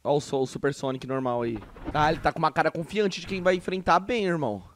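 A Brazilian man hosting a reaction video, chatting casually and bursting into excited exclamations and shouts. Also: on the high side, fast, slight background noise.

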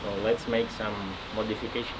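A man in his thirties, a pro mountain bike racer, chatting casually on camera outdoors, relaxed and laughing often. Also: fairly low pitch, fairly quick. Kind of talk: casual vlog talk. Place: outdoors at a race venue and forest track. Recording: music and noise behind.

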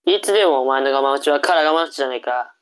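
Cocky big brother, played by a woman: low-pitched, teasing, for comic tongue-twister reading drama. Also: quick pace, smooth.

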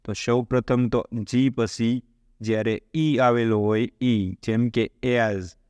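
Man teaching in a smooth, dry voice. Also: medium pitch, fairly even intonation, slow, a little mellow, dry recording. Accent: Gujarati. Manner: explains step by step and poses questions to the viewer. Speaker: English teacher. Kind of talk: spoken English lesson.

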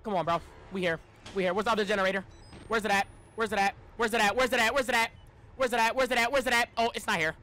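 Streaming a horror game live, a young man talks to chat and reacts in slang, repeating exasperated pleas over and over. His high-pitched voice is fast, steady in tone, pushed and bright, but strained like he's losing it, with frequent throat clearing.

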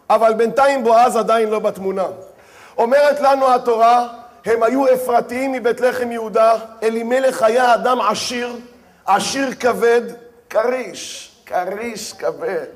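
A rabbi speaks directly to his audience in a very high-pitched voice as he gives a sermon, recounting the story with dramatically voiced asides.

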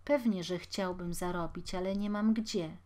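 A woman voicing a poor, exhausted man who speaks quietly and pleadingly. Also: lowish voice, steady tone, a little slow, natural voice. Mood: weary. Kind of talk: audiobook character voice.

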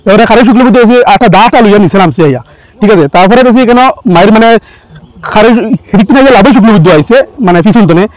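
A man giving an eyewitness account to camera, hurried and full of restarts. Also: sits high, lively intonation, no echo, rough recording. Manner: hurried, with frequent restarts and fillers.

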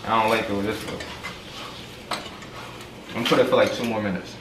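Speaking at a moderate pace in a steady, lowish voice, this young adult home cook co-hosts a cooking vlog and chats informally with plenty of slang. The home kitchen sounds echoey, with loud sizzling and stirring behind him.

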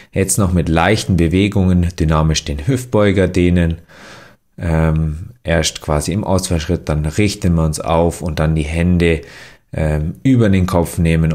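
A young man giving relaxed voice-over instructions for a mobility workout, with many fillers and restarts. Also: low-pitched. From Germany. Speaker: athlete demonstrating exercises.

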